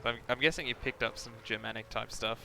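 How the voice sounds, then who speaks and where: A man streams a game live, thinking aloud in a rambling, hesitant way while reading out chat. He talks fast in a medium-pitched, fairly even voice with vocal fry and a sharp edge. Game battle noise sits behind him, including artillery fire and vehicle engines.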